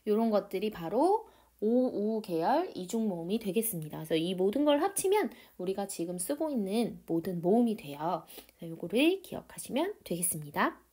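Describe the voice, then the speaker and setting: A woman's voice: medium pitch, sing-song, normal speed, dark tone, breathy edge. A woman teaching a grammar lesson online, cheerful and emphatic, stretching out the key words she wants students to remember. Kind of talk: online lecture.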